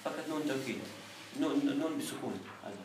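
A man's voice: mid-range voice, quick pace, background noise. A male student in a classroom, asking hesitant follow-up questions. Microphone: far from the teacher's mic. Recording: distant voice in a roomy classroom.

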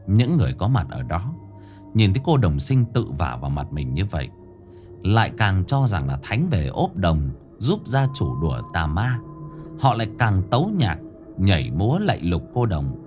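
A man narrating a scripted ghost story in a dramatic, expressive storytelling manner. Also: low voice, moderate pace, faint music behind.

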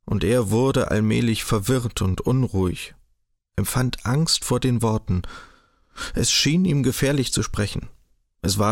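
A man reading a literary audiobook in a measured, even storytelling manner, close to the mic. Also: medium pitch, gravelly, dry recording. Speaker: audiobook narrator.

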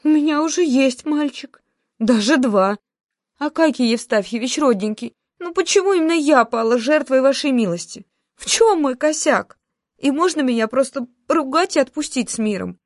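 A woman's voice: fairly high pitch, lively intonation, normal speed, a little mellow, dry recording, clean studio sound, voice pushed up. Woman voicing a pleading, sarcastic office heroine. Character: wry, pleading office-worker heroine, a wife and mother.

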